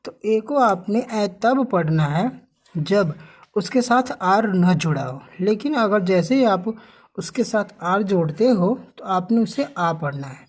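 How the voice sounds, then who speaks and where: A woman's voice: mid-range voice, expressive, takes it slowly, darkish tone. A woman teaching English sounds, who spells out words letter by letter and asks questions that she then answers herself. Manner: repeats "ठीक है" often. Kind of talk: slow classroom explanation with questions.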